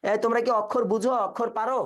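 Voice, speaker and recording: A man's voice: very high-pitched, flat delivery, rapid-fire, a bit bright. A man teaching an exam-prep class, quizzing students and repeating their answers back in a casual way.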